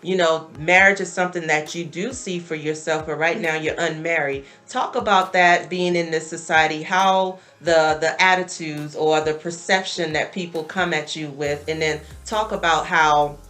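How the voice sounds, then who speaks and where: A woman in her forties with a lowish, bright, forceful voice, hosting a faith talk show. She leads the talk emphatically, and faint music runs in the background. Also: fairly even intonation, normal speed, hardly any pauses. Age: 40s. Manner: emphatic, affirming. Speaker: host.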